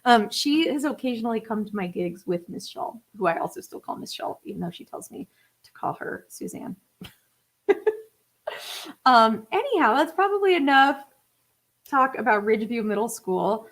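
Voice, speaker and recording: Her fairly high voice is animated and moves at a normal speed as this musician, a thirtysomething from around Atlanta, talks casually with her live-stream audience. She laughs often and wanders from point to point, packed with fillers.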